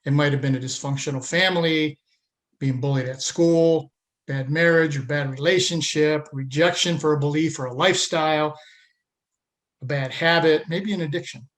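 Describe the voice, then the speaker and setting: A man hosts a podcast with an earnest, emphatic delivery. His voice sits a little high for a man. He moves from a scripted opening into a relaxed interview. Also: moderate pace. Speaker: podcast host. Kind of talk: scripted intro then interview.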